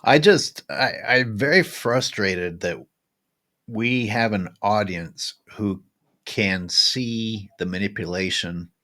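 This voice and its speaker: A man's voice: low-pitched, bright, forceful tone. A man hosting a podcast in casual political chat, wry and exasperated as he cues up clips for listeners. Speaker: podcast host.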